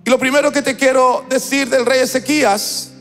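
Enfático predicador de voz muy aguda con acento brasileño. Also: male voice, very high voice, flat delivery, normal speed, fairly bright tone, in a large hall, faint music behind. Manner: emphatic, chanting, acts out the story. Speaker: preacher. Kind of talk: sermon. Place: church service.

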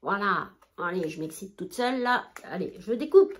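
A woman's voice: medium pitch, expressive, moderate pace. A woman filming a chatty haul vlog indoors under a ring light, bubbly and self-mocking as she talks straight to her viewers. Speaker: haul vlogger, mother of two daughters.

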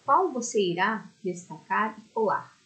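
A woman's voice: mid-range voice, animated, measured pace, fairly bright tone, rough recording. A Brazilian woman teaching a primary school lesson in a recorded remote class. She talks affectionately and explains step by step, often checking in with her pupils. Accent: Brazilian Portuguese.

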